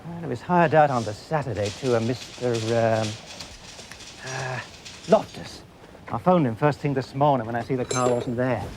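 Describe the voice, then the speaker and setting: An actor plays a chatty car hire owner in a British TV police drama, easygoing and a little cheeky. His pitch sits in the middle, and a clear hiss lies under the old broadcast track. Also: normal speed, lightly acted. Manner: rambling, easygoing.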